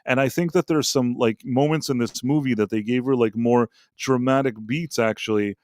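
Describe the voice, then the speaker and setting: A man's voice: mid-range voice, moderate pace, darkish tone, dry recording, clean studio sound. A man co-hosting a pop culture talk stream, giving blunt, rambling opinions with many restarts and fillers. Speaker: podcast co-host. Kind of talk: casual opinionated chat.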